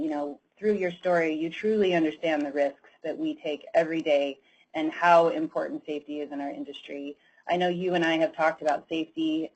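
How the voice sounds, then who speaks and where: An enthusiastic woman with a low voice hosts a webinar over an online call. She is effusive, praising each speaker warmly before introducing the next. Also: poor audio. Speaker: webinar host. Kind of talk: hosting a webinar.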